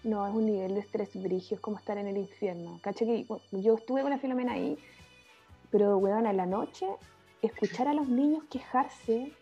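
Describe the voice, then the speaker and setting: Mellow-voiced Chilean mother chatting. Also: mid-range voice, normal speed. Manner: frank, slangy, emphatic. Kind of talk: casual chat. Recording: dull lo-fi audio with faint music.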